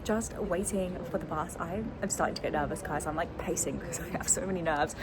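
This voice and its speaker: A woman's voice: fairly low pitch, fairly quick, background noise. A young adult woman chatting casually to her viewers as a vlogger. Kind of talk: casual chat to camera.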